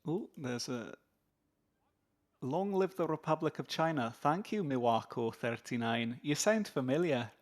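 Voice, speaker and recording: A man putting on a mock Scottish accent as a stand-in stream commentator, talking slowly and drily in a mock-formal way. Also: a little high, expressive. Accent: put-on Scottish. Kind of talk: casual stream chat.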